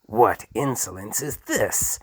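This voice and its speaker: A man voicing a cruel, cold old duke villain who snarls, rasps and screams. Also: on the low side, animated, slow pace, fairly bright tone, heavily acted. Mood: shrieking fury.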